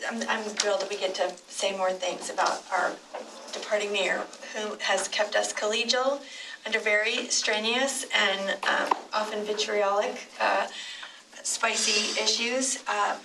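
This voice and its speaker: A middle-aged woman city commissioner giving an unscripted, emotional tribute at a public meeting, halting and digressive with many restarts. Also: mid-range voice, fairly even intonation. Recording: distant mic with clear room noise.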